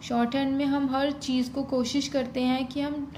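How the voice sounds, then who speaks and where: A woman's voice: sits high, level tone, moderate pace, a little mellow. A woman teaching shorthand, spelling out each stroke one by one in a patient step-by-step tutorial. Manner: spells out strokes one by one, mixing Hindi and English. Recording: faint ambient noise.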